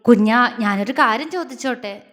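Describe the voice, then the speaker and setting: A woman's voice: fairly high pitch, normal speed, lightly acted. A woman doing a doting, teasing young husband. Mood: tender. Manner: soft, affectionate, coaxing. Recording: long reverb.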